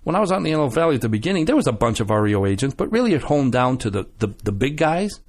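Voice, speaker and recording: A man guest on a radio show, telling animated stories with many restarts and acted-out quotes. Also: mid-range voice, racing. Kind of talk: casual storytelling chat.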